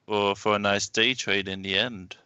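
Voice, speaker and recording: A man's voice: lowish voice, steady tone, moderate pace, sharp tone, clean tone, no echo, lo-fi sound. A man co-hosting a trading livestream from home, talking trades with dry teasing humor. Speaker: trading stream co-host. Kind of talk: casual livestream banter.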